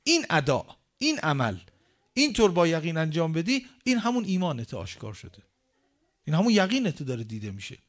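A man preaching a sermon, full of rhetorical questions, with slow, measured recitation of scripture and strong swings in emphasis. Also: sing-song. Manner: emphatic swings in pitch and loudness.

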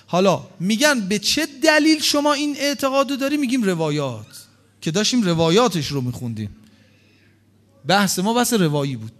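A man with a notably high voice delivers a religious sermon. He argues hard, fires rhetorical questions and swings from loud outbursts to hushed asides. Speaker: preacher.

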